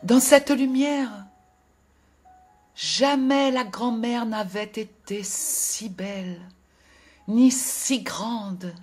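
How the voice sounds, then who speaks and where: A woman tells a fairy tale in a gentle, expressive storytelling voice that drops to a hush at sad moments. Her voice sits high and her pace is slow and deliberate. Faint music plays beneath her. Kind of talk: scripted fairy-tale narration.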